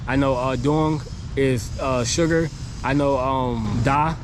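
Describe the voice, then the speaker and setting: A man who is losing his voice talks slowly at medium pitch, rambling chattily to camera with lots of fillers as a travel vlogger. The casual vlog is shot on a city street near construction, amid passing traffic and city street noise.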